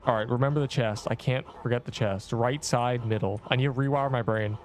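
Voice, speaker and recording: A young man streaming a game, chatting along in a casual, excitable way with gamer slang. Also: mid-range voice, a little fast. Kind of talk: casual livestream commentary.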